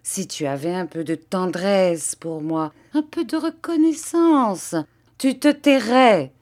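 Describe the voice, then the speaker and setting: A woman reading an audiobook who voices a cruel man who beats children, speaking in a soft, mocking, menacing tone. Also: mid-range voice, slow, natural voice. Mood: mock-tender menace.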